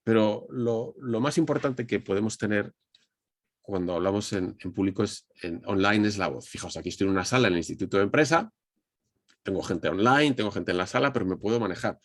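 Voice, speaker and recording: Low-voiced Madrid Spanish man teaching online. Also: brisk, no echo. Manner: conversational, addresses audience directly, frequent restarts. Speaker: communication trainer. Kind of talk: online presentation lesson. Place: indoors at a desk under a ring light. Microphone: webcam on video call.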